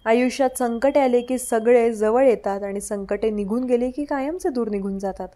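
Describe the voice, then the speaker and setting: A woman reading out scripted devotional messages with a steady, preaching delivery. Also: a little high, moderate pace.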